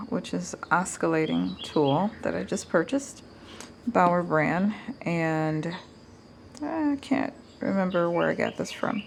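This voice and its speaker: A woman's voice: fairly low pitch, creaky, slight background noise. A woman giving a casual hands-on DIY demonstration to viewers, informal and thinking aloud as she goes. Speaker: DIY tutorial host.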